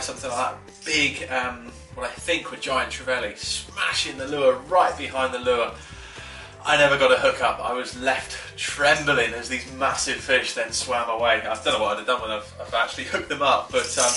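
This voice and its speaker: A mid-range male voice belongs to a fishing instructor giving a casual, enthusiastic tackle tutorial to camera from his living room's wooden table. He leans on filler words and restarts quickly. The camera sits a few feet away, so it sounds roomy and slightly distant, with faint music.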